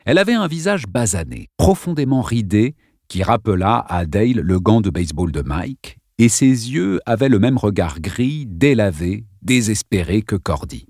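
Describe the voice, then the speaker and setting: Un homme qui lit un roman en livre audio, d'un ton posé et expressif. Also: male voice, fairly low pitch, big pitch swings, normal speed, a little mellow, no echo, studio quality. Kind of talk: narration de roman lue.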